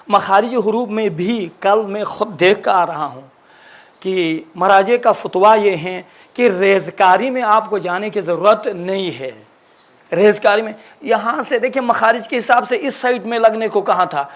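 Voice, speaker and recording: High-voiced man teaching Quran recitation. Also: a bit bright. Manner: explanatory, repeats and corrects himself. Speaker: religious teacher. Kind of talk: lesson answering a question.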